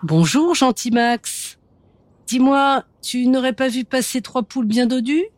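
A woman's voice: sits high, no echo, pitched above the performer's own voice. A cunning, hungry storybook fox, as a woman puts him on, stretching out his sweet words. His voice is dry and close. He sounds greedy and falsely polite. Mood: sly. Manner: sly, drawn-out sweet talk.

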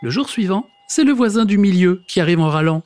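A man narrating a children's story in a lively, expressive reading with playful sound words. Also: high voice, a little fast. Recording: background noise.

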